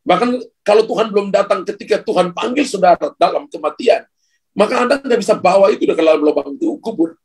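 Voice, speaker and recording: A man's voice: high-pitched, fast, slightly rough. A male pastor preaching a sermon, speaking emphatically and addressing the congregation directly.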